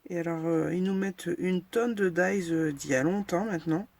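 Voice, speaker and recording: Woman host of a casual crafting tutorial, gravelly delivery, frank and self-deprecating. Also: fairly low pitch, normal speed, a little mellow, no room sound. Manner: chatty, filler-heavy, narrates each step as she works.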